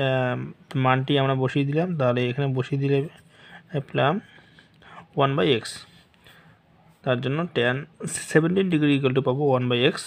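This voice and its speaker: A man teaching a math lesson slowly and patiently, walking through each step and mixing English math terms into his speech. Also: medium pitch.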